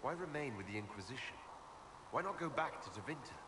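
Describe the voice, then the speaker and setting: A man voicing a brisk, curious game hero. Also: medium pitch, expressive, noisy background, lightly acted. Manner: inquisitive, brisk. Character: curious male hero questioning a companion. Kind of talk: video game dialogue.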